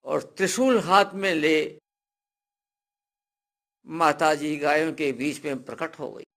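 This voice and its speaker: A male storyteller with a voice that sits somewhat high for a man narrates a devotional folk tale in an unhurried, deliberate way. He builds the drama steadily until it breaks into loud, cried-out lines.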